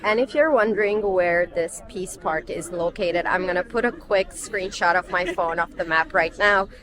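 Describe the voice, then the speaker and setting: With a crowd in the background, a young woman speaks in a lowish voice at a moderate pace for her travel vlog. She's on a guided tour outdoors in the cold, explaining things to the camera in a casual, chatty style full of ums.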